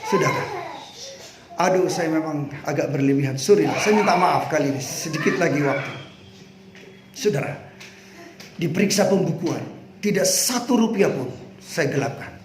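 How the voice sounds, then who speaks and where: A man preaching a sermon, animated and emphatic, breaking into shouts. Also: fairly high pitch, moderate pace, pauses often, background noise. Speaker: pastor. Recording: echoey room with faint ambience.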